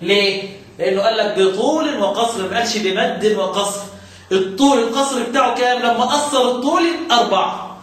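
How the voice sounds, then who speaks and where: A high-voiced man with an Egyptian Arabic accent teaches a recitation lesson, asking his students questions and drawing out key terms. He is picked up from a distance in a very echoey room, with faint noise underneath. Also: brisk, a bit bright.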